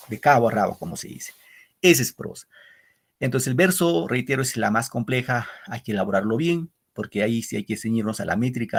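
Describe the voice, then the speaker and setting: Male teacher, middle-aged, husky voice, patient online lecture, asks the class lots of rhetorical questions. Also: mid-range voice. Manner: explains with repetition and asks "¿no?" often; addresses pupils as "queridos muchachos". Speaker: literature teacher.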